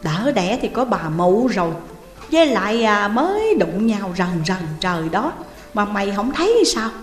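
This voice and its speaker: A woman voicing a gruff, reluctant older male village healer, scolding and dismissive. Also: medium pitch, very animated, normal speed, lightly acted. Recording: roomy reverberant room, faint music.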